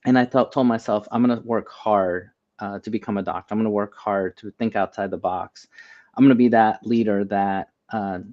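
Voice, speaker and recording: With a lowish, steady, slightly mellow voice at normal speed, an American man talks earnestly in an interview. He's a physician and healthcare AI expert, and through dull, lo-fi audio he trades advice and personal anecdotes conversationally.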